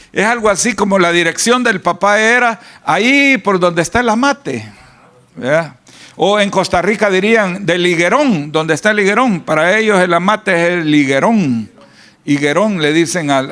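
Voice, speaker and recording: A Salvadoran pastor preaching a sermon in a folksy storytelling way, with asides and "¿verdad?" tags. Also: male voice, high voice, fairly bright tone.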